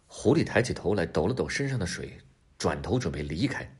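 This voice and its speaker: Animated storyteller for children, husky man, very lively tone. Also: low voice, a little fast. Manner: lively, expressive, talks to kids directly.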